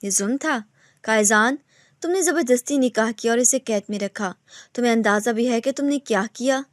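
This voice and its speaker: A woman's voice: fairly high pitch, dry recording, studio quality, close to an everyday voice. A woman voicing a furious middle-aged mother who scolds her son sternly, in a storybook reading. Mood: scolding.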